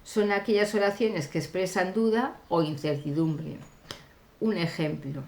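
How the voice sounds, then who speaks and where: A woman teacher explaining grammar slowly and deliberately, pausing often with fillers. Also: on the low side, gravelly, darkish tone, reverberant. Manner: deliberate, hesitant with frequent fillers. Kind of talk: slow classroom grammar explanation.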